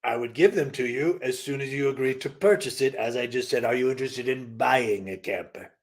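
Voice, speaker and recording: A male improv comedian playing a smooth operator, with slick, salesman-like patter at an everyday pitch. He pushes deals and folksy advice in a scene made up on the spot. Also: a little fast.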